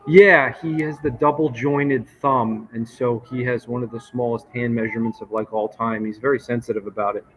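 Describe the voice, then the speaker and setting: A man's voice: mid-range voice, steady tone, normal speed, few pauses. Male sports reporter calling from a hotel lobby. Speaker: sports reporter, guest on a show. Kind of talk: live interview, casual sports talk. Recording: muffled, noisy hotel lobby ambience. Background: hotel lobby noise.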